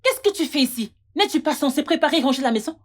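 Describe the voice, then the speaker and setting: Bossy young woman, mocking, taunting, high voice, lively swings in pitch, film drama dub. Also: quick pace. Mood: scornful. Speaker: dubbing actress.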